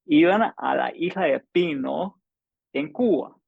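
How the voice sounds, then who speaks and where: A man's voice: a little high, animated, slow pace, vocal fry, slightly rough, no room sound, narrow, tinny audio. A man in his seventies speaking conversationally with a Cuban-style Caribbean Spanish accent, often repeating words and restarting phrases as he explains. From United States, born in New York, partly raised in Spanish-speaking countries. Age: 70s. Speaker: polyglot language mentor and guest.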